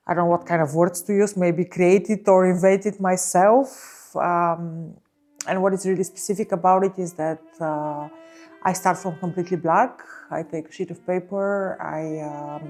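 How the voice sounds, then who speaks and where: A woman from Bulgaria, probably in her thirties, speaking as a visual artist in an interview, slow and searching, with many fillers and pauses. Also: lowish voice, darkish tone. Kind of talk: reflective interview talk.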